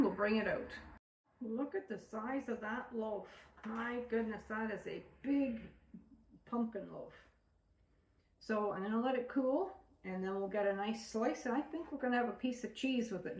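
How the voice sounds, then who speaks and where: A woman hosting a home cooking vlog, chatting warmly to viewers she calls folks. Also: a little high, normal speed. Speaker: home cooking channel host. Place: home kitchen. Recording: roomy kitchen, mic at a distance.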